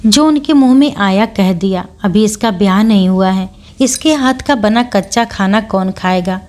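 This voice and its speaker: A woman's voice: mid-range voice, normal speed, close to an everyday voice. A woman narrator voicing a kind, doting mother. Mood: amused. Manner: warm, questioning and teasing. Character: kind, affectionate middle-aged mother.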